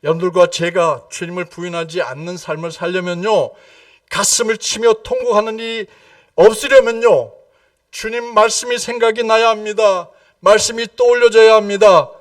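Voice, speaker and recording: A man preaching an evening prayer sermon as pastor, emphatic, firing repeated questions at the congregation and swinging from loud exclamations to hushed low lines. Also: steady tone, moderate pace, dry recording, studio quality, distant mic. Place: church sanctuary.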